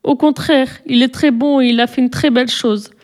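A small storybook girl pleads in a high, earnest voice, close to tears, as a woman reader puts her on. The tone is soft and mellow rather than bright. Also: steady tone, normal speed, close to an everyday voice. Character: little girl, remorseful and tearful.

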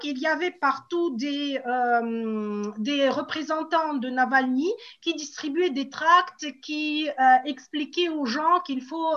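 Russian lady, high voice, slow n hesitant but emphatic explaining stuff, kinda muffled lo-fi audio. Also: a bit bright. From Moscow, Russia. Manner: hesitant, emphatic, repeats key points. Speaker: ordinary citizen giving testimony in a panel discussion. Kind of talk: spontaneous explanatory discussion. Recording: dull lo-fi sound.

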